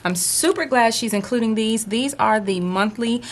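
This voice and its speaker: A woman with a slightly high voice and moderate pace chats casually through a planner unboxing, sounding a bit stuffy and congested from a sinus cold. Rambling and friendly, she uses plenty of fillers. She's indoors at a desk under lights, filmed by an overhead camera showing only her hands.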